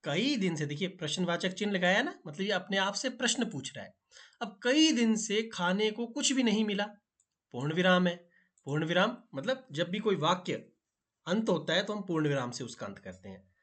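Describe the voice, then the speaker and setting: A man's voice: sits high, very animated, moderate pace, fairly bright tone. A man teaching a primary-school textbook story, reading it aloud and explaining punctuation with homely asides.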